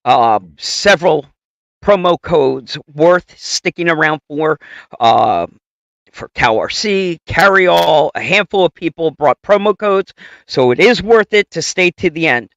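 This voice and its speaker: Upbeat high-voiced male podcast host. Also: lively intonation, gravelly, a bit bright, dry recording, highs cut off. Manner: quick and upbeat, with fillers. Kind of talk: casual livestream chat.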